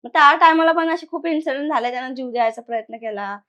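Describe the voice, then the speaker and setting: A woman's voice: high-pitched, fast, sharp tone, muffled recording. A young woman from Maharashtra telling a personal horror story conversationally, retelling events with quoted voices. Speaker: guest storyteller. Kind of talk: casual spoken horror story.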